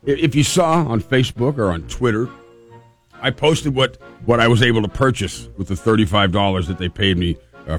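A man's voice: fairly low pitch, fairly bright tone. A man hosting radio, telling a casual, humorous personal story in a rambling way, repeating phrases for emphasis. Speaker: radio host.

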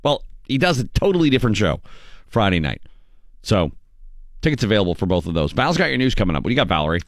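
A man with an American accent and a fairly low voice hosts a morning radio show. He chats casually and banters with his co-hosts in a dry, close studio sound. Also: big pitch swings, fast talker, no room sound.

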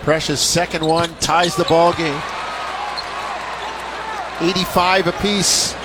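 High-voiced man calling basketball play-by-play. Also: fairly even intonation, slow. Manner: clipped short phrases. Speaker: play-by-play commentator. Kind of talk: live basketball commentary. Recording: courtside arena noise behind voice. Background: basketball arena crowd and bouncing balls.

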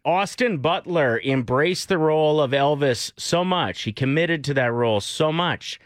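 A man's voice: fairly high pitch, lively intonation, a little slow, slight background noise. A man in his forties co-hosting a morning radio show, talking in an easygoing, wry way. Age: 40s. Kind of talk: casual chat.

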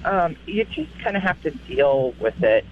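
A man's voice: a little high, sing-song, unhurried, slight background noise. A man calling in to a radio show, hesitant and reasonable. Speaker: caller. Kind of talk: phone-in call. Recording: tinny phone line.

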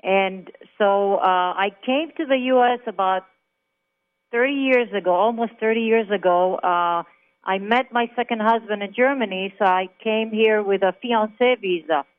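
A woman's voice: mid-range voice, moderate pace. A woman from Israel, calling in to a talk radio show and telling her story in an emphatic, chatty way. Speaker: caller. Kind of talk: phone interview on talk radio. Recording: tinny phone line.

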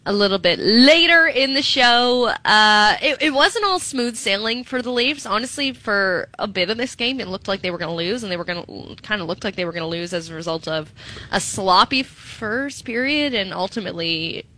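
A woman's voice: medium pitch, expressive, normal speed, sharp tone. A woman co-hosting a sports radio show in a conversational style.

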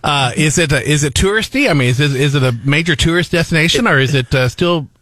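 A man's voice: on the high side, fast, a bit bright, dry recording, clean studio sound. A man hosting a radio talk show, interviewing a guest in a friendly, chatty way with frequent uhs. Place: radio studio.

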